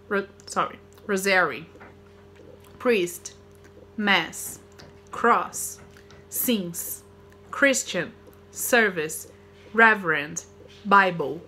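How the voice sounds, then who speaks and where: A woman's voice: medium pitch, pushed and bright, slightly rough. A woman with a Brazilian Portuguese accent teaching English vocabulary and pronunciation, drilling words one at a time and repeating examples. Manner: slow, careful word-by-word drilling with repeated examples. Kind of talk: recorded online lesson.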